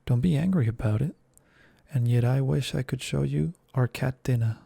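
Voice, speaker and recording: Reading softly from a storybook, a man plays an earnest young girl, chatty and polite and eager to please, in a low, mellow whisper with some gravel in it. The recording is dry and close to the mic, and he speaks at a normal speed.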